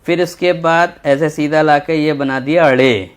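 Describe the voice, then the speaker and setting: A man teaching a children's Urdu lesson, patient and slow, repeating each letter as he writes. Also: fairly high pitch, fairly even intonation, clean tone. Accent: Indian Urdu. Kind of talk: textbook lesson for young children.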